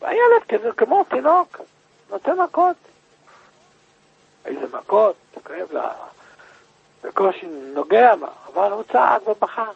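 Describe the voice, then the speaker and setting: A man preaching by telling a story with emotion, rising now and then to loud, high cries. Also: very animated, vocal fry, long pauses, breathy edge, phone-quality sound. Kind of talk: storytelling sermon.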